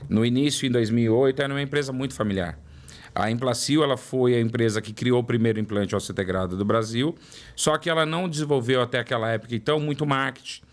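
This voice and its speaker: A fast-talking man with a medium-pitched voice and a São Paulo Portuguese accent is interviewed about his career. In his forties and from São Paulo, Brazil, this product development director repeats words to drive his points home.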